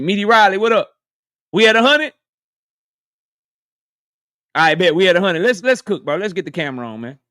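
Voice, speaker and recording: A man in his thirties chats casually with his live stream viewers, ribbing them and breaking into laughs. His voice sits high and comes through smooth. The recording is close and dry. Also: bright, forceful tone, no echo. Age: 30s. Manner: joking, roasting chat members, laughs often.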